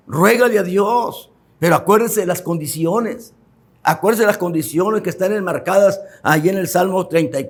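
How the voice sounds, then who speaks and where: A man pastor preaching a sermon with fervor, repeating phrases for emphasis, speaking directly to the listeners and drawing out key words slowly. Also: sits high. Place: church.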